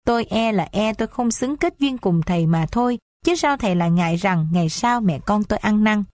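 A woman's voice: medium pitch, expressive, brisk, darkish tone, dry recording, natural voice. A woman voicing a devoted young mother of noble birth in a read-aloud story, pleading and heartfelt. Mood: earnest. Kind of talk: audiobook character reading.

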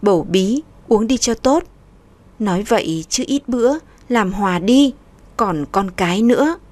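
A woman's voice: medium pitch, animated, a little slow, a little mellow. A woman voicing a frank young woman who gives her friend blunt, lecturing advice. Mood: teasing.

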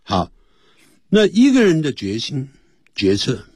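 A male English teacher on a radio lesson, his husky voice swooping high and low as he explains. He switches between Chinese explanation and slow, careful English readings, close to a dry studio mic. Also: wildly swooping pitch, a little mellow, no echo. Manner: explains Chinese and English in turn, reads phrases slowly.

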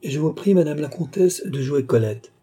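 A man voices a playful young prince who banters merrily and teasingly like a schoolboy on holiday. His voice is medium-pitched, dark, slightly rough, and close to everyday speech, at a normal pace.

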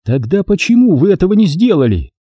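Narrator voicing a wary ex-pirate captain woman, husky and dark, dry close sound, audiobook. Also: on the high side, sing-song, moderate pace, no echo, pitched above the performer's own voice. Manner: skeptical, challenging questions.

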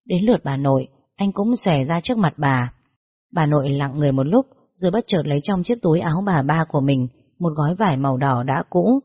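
Storyteller reading steadily, bit husky, dry dull lo-fi sound. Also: medium pitch, expressive, a little fast. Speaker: narrator. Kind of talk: scripted storytelling. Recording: dull lo-fi recording.

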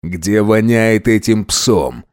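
A man reading an audiobook voices a jealous, menacing man who is a wolf shapeshifter, speaking slowly and growling threats. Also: on the low side, lively intonation, a little mellow, smooth.

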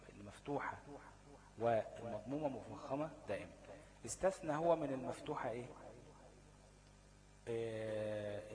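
A man's voice: mid-range voice, poor audio. A man with an Egyptian Arabic accent teaching recitation rules, who often checks understanding and turns key words into questions for his students. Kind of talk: tajweed lesson explanation.

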